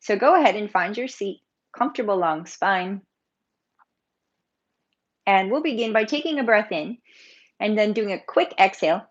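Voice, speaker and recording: A woman yoga teacher talks her class through breathing drills in a loose, chatty way at a middle pitch. She laughs easily and keeps things informal. The sound is a bit dull and lo-fi, as from a computer mic on a video call. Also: animated, normal speed, pauses often. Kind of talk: live online breathing workshop.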